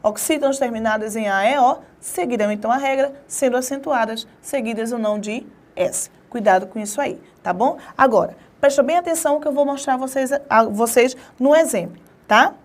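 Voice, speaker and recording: A woman with a notably high voice teaches a grammar lesson. She is emphatic and keeps urging her students to pay attention, and she slows right down to spell words out one syllable at a time. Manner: emphatic, often repeats warnings to pay attention.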